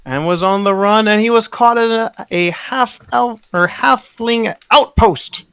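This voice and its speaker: A man playing a booming, pompous high priest. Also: a bit bright, clean tone, dry recording. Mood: booming, gloating. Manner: grandiose, slow proclaiming.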